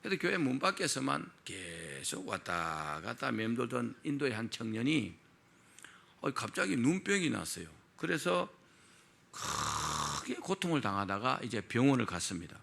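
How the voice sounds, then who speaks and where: A middle-aged male pastor delivers a sermon in a gravelly, forceful voice. His pitch moves animatedly as he tells a story, and he keeps turning to the congregation with rhetorical questions. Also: very animated, moderate pace.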